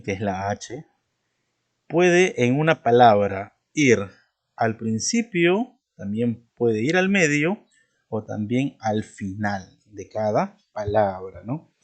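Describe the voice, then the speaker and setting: A male teacher giving a patient spelling lesson. He talks at a middle pitch, explains step by step and keeps checking in with his listener through repeated tag questions. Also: a little mellow.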